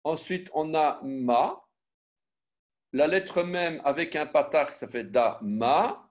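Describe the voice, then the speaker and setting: Sharing his screen for an online Biblical Hebrew lesson, this slightly high-pitched male teacher spells every sound out one letter at a time at a very slow pace. Fillers and restarts pepper his speech as he corrects himself along the way.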